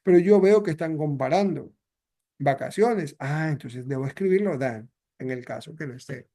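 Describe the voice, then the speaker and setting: A man's voice: fairly high pitch, moderate pace, dark tone. A male English teacher explaining grammar patiently to a class, switching between Spanish and English.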